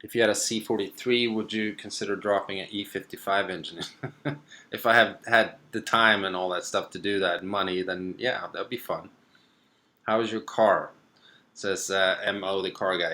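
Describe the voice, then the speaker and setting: A young Swedish car vlogger with a lowish voice hosts a live stream, reading out viewer comments and replying in an easygoing, rambling way. He talks at a normal speed and pauses for plenty of ums and uhs.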